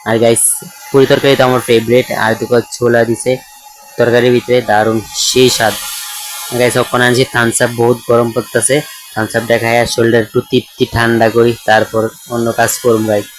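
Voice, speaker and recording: A man's voice: medium pitch, flat delivery, brisk, poor audio. A man, narrating his daily vlog as a chatty voice-over that keeps talking to the viewers. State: hoarse. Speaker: vlogger.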